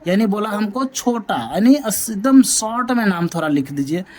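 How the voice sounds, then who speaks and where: With a high voice and a somewhat dark tone, a man teaches math in a classroom lecture at a normal speed. Over and over, he asks a question and then supplies the answer himself to drill his points.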